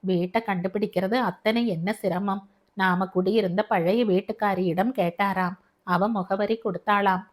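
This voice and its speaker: A gentle, soft-hearted older aunt, voiced by a woman narrator in a storybook. She pleads in a homely, kindly way. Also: mid-range voice, fairly even intonation, normal speed, lightly acted. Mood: pleading.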